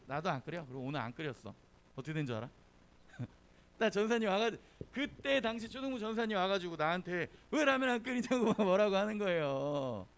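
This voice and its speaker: A man preaching to a church youth group in a chatty, joking storytelling manner. His voice sits a bit high for a man, and he keeps slipping into little acted quotes. It is a relaxed sermon, far from a formal one. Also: clean tone. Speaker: youth pastor. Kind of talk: casual storytelling sermon to teenagers.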